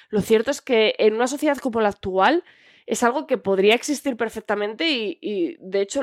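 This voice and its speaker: A woman hosts a book recommendation podcast, her voice sitting a little higher than most. She talks in a chatty, thoughtful way, with plenty of small filler words. The recording is dry, with no room sound. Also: no room sound. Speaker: podcast host.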